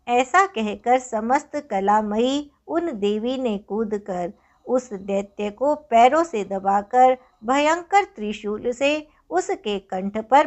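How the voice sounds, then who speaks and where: Slow, solemn woman reading scripture. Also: fairly high pitch, highs cut off. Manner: measured, solemn recitation. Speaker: devotional scripture reader.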